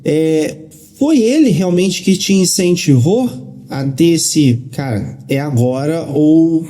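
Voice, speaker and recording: Interview host, man, mellow tone, a bit high-pitched, chatty questions with lots of fillers. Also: takes it slowly. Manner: relaxed, asks leading questions with many fillers. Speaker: host, financial educator. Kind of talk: casual interview chat.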